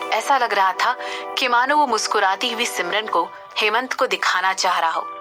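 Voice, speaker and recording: A woman narrating a scripted romance audio series in a steady, expressive way. Her voice sits at a middle pitch for a woman. Clear background music runs under the whole reading. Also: normal speed.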